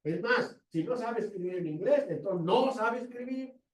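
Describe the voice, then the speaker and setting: A man with a Mexican accent giving an academic conference talk, wry and lively, full of rhetorical questions. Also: high voice, moderate pace. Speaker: guest lecturer. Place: lecture room. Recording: roomy, distant mic in a hall.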